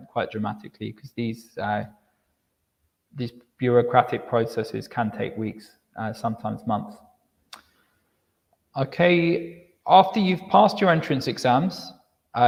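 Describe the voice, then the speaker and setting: In a live online session, a man explains the steps for university admission clearly, at a medium pitch. He often repeats words as he restarts and checks in with "okay." His voice carries a long reverb tail.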